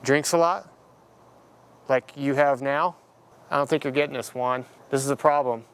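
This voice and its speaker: A man's voice: medium pitch, fairly even intonation, moderate pace, clean tone. A man working as a police officer, speaking firmly and matter-of-factly, then recapping to camera. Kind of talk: on-duty talk and recap to camera.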